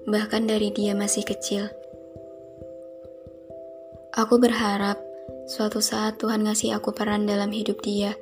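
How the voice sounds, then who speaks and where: A young woman hosting a podcast, speaking a slow, soft and heartfelt reflective monologue. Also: medium pitch, monotone. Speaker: podcast host. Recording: music playing behind the voice.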